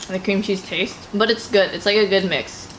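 A woman hosting a casual taste test with friends, talking with her mouth full in a relaxed, halting way. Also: mid-range voice, poor audio. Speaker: host of a taste-test video. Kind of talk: casual chat among friends. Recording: steady background noise.

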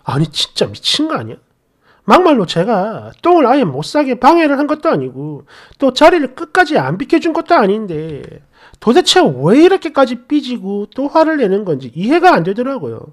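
A woman's voice: on the high side, huge pitch swings, moderate pace. A woman narrating a personal story in a casual, exasperated, conversational way.

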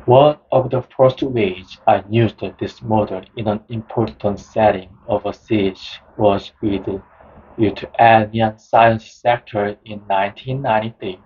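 A man narrating a nonfiction book in the first person, in a slow, measured reading style. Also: on the low side, fairly even intonation, a little mellow, slightly rough. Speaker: audiobook narrator. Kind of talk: scripted narration. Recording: dull lo-fi sound.

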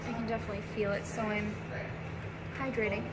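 A woman vlogger with a hoarse voice, chatting casually and rambling, with lots of ums and trailing thoughts. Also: mid-range voice, little pitch movement, fast, loud music behind the voice. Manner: chatty and rambling, with frequent fillers. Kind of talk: casual vlog chat.

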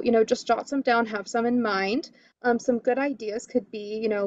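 A woman's voice: on the high side, a little mellow, no room sound, highs cut off. A woman career coach giving interview tips in a webinar, enthusiastic, with lots of "you know" and "um". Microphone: video call.

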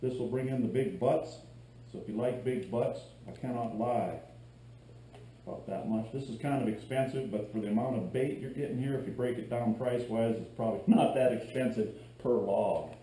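A middle-aged man rambles through a casual how-to vlog, tossing out jokes and asides as he works. His voice is mellow and relaxed. He is picked up by a camera a few steps away in a roomy, echoey garage with a faint hum behind him. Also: medium pitch, normal speed. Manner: joking, rambling, chatty asides while working. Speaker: fishing video host. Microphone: far camera on a tripod.

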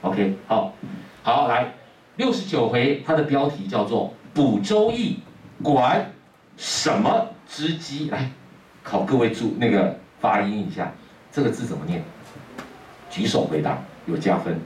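A man's voice: lowish voice, animated, normal speed, a little mellow. A man teaching a class, telling a story animatedly and quizzing his students. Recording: roomy classroom from a distance.

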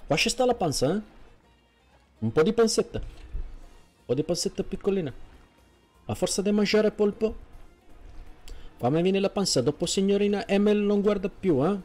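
A man voicing a chatty, flattering Egyptian man from Cairo in a game role-play, speaking in broken, simplified sentences and repeating his words. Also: high voice, normal speed, pauses often, soft background music. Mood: cheerful. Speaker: streamer role-playing a character.

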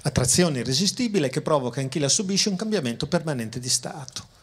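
A man giving a public philosophy lecture, speaking conversationally to the audience and slowing down to stress key words. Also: a little high, animated, husky. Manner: conversational, addresses audience directly, repeats and restarts phrases. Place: outdoor town square.

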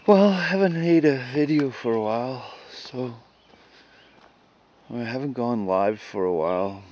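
A man giving a casual, unhurried walkaround of his food garden outdoors, pointing out plants with short remarks. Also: medium pitch, a little mellow, highs cut off, a little hiss or hum.

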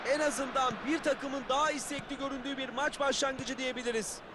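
Man, very high voice, football play-by-play, loud outdoor noise behind. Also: fairly even intonation, a little fast. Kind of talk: sports match commentary. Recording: loud stadium-like background noise.

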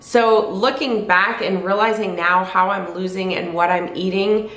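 An unhurried woman in her fifties speaks in a steady, mid-range, slightly bright voice as she chats to camera about weight loss for her vlog. She rambles candidly by the fireplace in her living room, often self-correcting and restarting sentences. The camera is at desk distance, and the room echoes.

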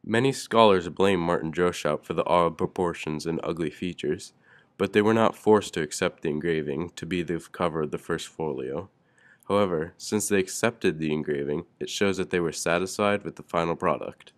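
A man's voice: low-pitched, normal speed. A man narrating a school project presentation, reading steadily from a script. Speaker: student presenter.

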